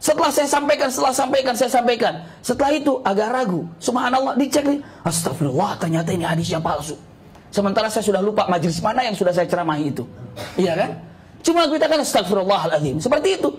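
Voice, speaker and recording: Preacher guy, sermon to a study group, voice jumps all over, repeats words a lot, throws in arabic. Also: fast talker. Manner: animated, repeats words for emphasis, pitch swings up and down; mixes in Arabic phrases. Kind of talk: Islamic sermon to a study circle.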